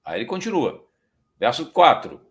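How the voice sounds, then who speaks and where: A man with a Brazilian Portuguese accent teaching from the Bible as a program host, talking conversationally and slowing down to read scripture. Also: a little high, big pitch swings. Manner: conversational, frequent tag questions, slows down to read scripture.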